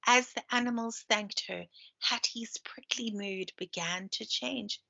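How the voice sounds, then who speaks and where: Reading to children over a computer mic, this primary school teacher explains the pictures and chats as she goes. Her voice is on the high side, gravelly, pushed and bright, with a measured pace, captured in a dull lo-fi screen-share recording.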